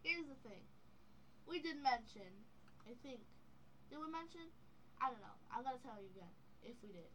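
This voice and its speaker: A woman's voice: a little high, expressive, normal speed, long pauses, fairly bright tone, a little hiss or hum. A young woman with speech slightly impeded by dental braces, rambling candidly in a casual podcast chat. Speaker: podcast co-host.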